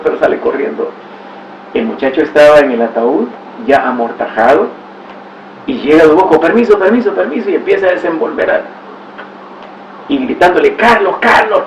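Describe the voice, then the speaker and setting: A man's voice: a little high, gravelly, a little mellow. A man giving a religious teaching talk, telling stories with exclamations and rhetorical asides. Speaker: catechist. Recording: roomy, distant, dull recording with faint hiss.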